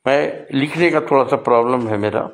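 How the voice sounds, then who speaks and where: An older man and poet, speaking in an earnest, lecturing way and giving examples. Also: mid-range voice. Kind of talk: casual spoken talk on language.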